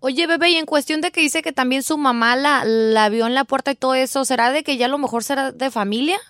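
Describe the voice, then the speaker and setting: A woman's voice: sits high, quick pace, fairly bright tone, dry recording, studio quality. A woman co-hosting a radio show, giving frank, sisterly advice in casual chat. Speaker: radio co-host.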